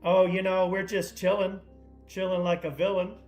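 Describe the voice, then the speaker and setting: A man's voice: high-pitched, level tone, normal speed, a little mellow, soft background music. Laid-back joking male stream host. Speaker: livestream host. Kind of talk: casual livestream chat.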